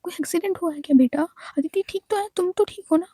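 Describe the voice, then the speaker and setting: Woman putting on worried storybook mother, middle-aged, high-pitched, mellow tone, anxious rapid questions. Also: dry recording, studio quality.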